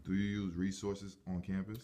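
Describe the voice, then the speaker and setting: A man's voice: sits low, little pitch movement, normal speed, noisy background. A man reading out prepared questions as an interviewer.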